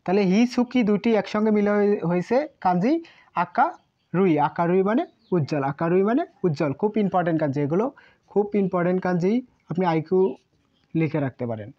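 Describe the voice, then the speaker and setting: Her voice on the low side and her pace fairly quick, a Japanese language teacher gives a kanji lesson in Bengali. She patiently repeats every word several times, and the recording has a muffled lo-fi quality.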